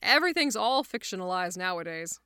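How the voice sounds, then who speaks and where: A woman's voice: on the low side, very animated, brisk, pushed and bright, clear, resonant tone, no echo, clean studio sound. A woman voicing an upbeat, bossy male archangel who talks in a breezy, oblivious way.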